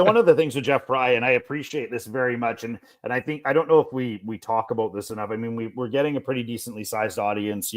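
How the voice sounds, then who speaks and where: A man in a casual podcast chat, middle-pitched, rambling through long thoughts and restarting mid-sentence. His energy comes in bursts as he makes his point. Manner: rambling, animated, many restarts. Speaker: podcast co-host.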